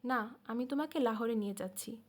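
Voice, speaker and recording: A woman's voice: a little high, brisk, natural voice. A woman voicing a brooding young man who asks blunt, probing questions.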